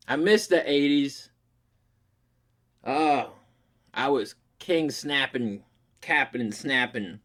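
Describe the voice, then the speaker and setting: A middle-aged man hosting a comedy video, talking casually and profanely and laughing a lot. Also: mid-range voice. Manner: animated, profane, laughing often. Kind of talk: casual reaction commentary.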